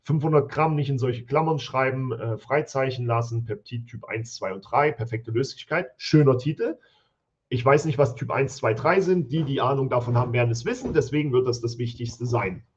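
A man's voice: mid-range voice, normal speed, breathy edge. A man with a German accent hosting a live review of product listings, blunt and thinking aloud as he goes, recorded from a home office. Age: adult with school-age children. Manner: blunt, thinks aloud, mutters while counting. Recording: slightly dull, lo-fi stream audio.

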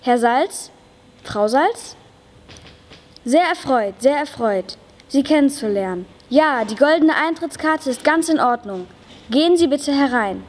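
Fussy, effusive little old chocolate maker read by a girl, high voice, echoing hall. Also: expressive, unhurried, a little mellow. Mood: welcoming. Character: lively, excitable small old male chocolate maker. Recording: long reverb of a school hall.

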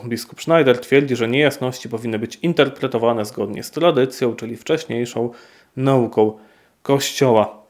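A man, a priest, answering viewer questions in an unscripted Q&A, speaking in a measured way with frequent hesitations. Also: medium pitch, darkish tone.

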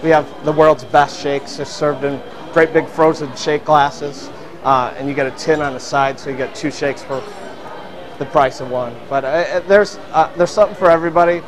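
Sitting in his crowded restaurant with diners' chatter audible, a middle-aged owner gives an on-camera interview at normal speed. He speaks slightly high with fairly even intonation, often using fillers and starting over.

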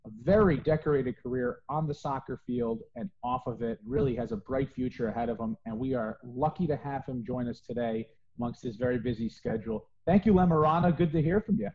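A man hosting a college sports interview over a video call, asking questions in an upbeat, animated way. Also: medium pitch, a little fast. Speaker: sports information director, interview host. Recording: dull lo-fi video call audio with faint noise.

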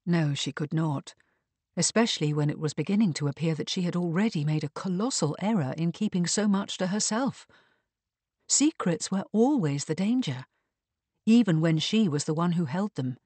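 A man reading a period mystery novel aloud in measured, even audiobook narration. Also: high voice, dry recording.

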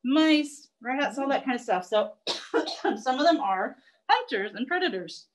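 Bubbly high-voiced woman teaching kids. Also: animated, measured pace, rough recording. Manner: chatty and playful, laughing often. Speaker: zoo educator. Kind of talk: live online zoo lesson.

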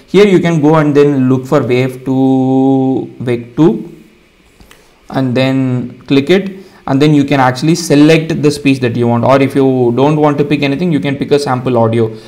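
A man with an Indian accent hosting a casual coding tutorial, explaining each step in a relaxed way with frequent ums and uhs. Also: medium pitch, moderate pace. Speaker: tutorial host.

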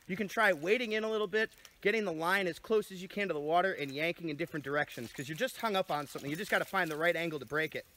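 A man, calmly explaining fly-fishing technique while standing by a river, recorded on a camera mic at a distance. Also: on the high side, racing, hardly any pauses. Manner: easygoing, explaining step by step. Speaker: fishing guide host. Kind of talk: outdoor instructional vlog. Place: outdoors by a river. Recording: faint outdoor river noise.

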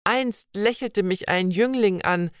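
A woman voicing a shy, timid young maiden in a storybook reading, speaking softly and politely in old-fashioned phrases. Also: mid-range voice, takes it slowly, smooth, dry recording, studio quality, close to an everyday voice.

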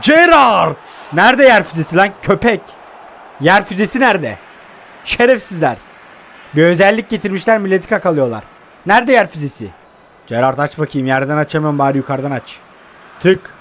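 Excitable high-voiced man narrating gameplay. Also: fairly quick, slight background noise. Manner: excitable, swears and groans at the game. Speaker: mobile football game streamer. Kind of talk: live gameplay commentary.

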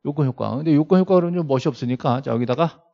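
A man's voice: fairly high pitch, racing, gravelly. A middle-aged man lecturing a class on law, asking rhetorical questions and repeating key terms, with joking asides to his students. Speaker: law lecturer at a real estate agent exam prep academy. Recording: dull lo-fi lecture recording.

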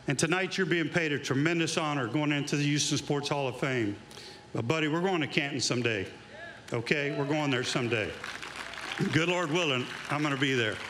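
Here a former coach in middle age inducts someone at an outdoor awards ceremony, swapping folksy anecdotes through a handheld mic and working up to an emphatic salute. His pitch is fairly high and a bit bright. There's reverb and a little hiss or hum.

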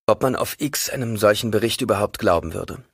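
A man reading an audiobook as narrator in a calm storytelling manner. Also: on the low side, a little fast, vocal fry, husky, dry recording, clean studio sound. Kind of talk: scripted narration.

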